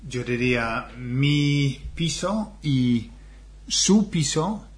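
Man, mid-pitched, easygoing jokey co-host, casual lesson. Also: slow, music in the background. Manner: relaxed, jokey, frequent agreement sounds. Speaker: co-host and learner.

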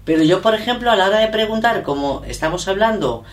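A middle-aged woman speaks at an ordinary, middle pitch. She talks hesitantly and corrects herself as she goes. The room around her is echoey. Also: lively intonation, fast talker. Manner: hesitant, self-correcting, thinking aloud. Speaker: interviewee, learner of English. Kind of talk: casual chat.

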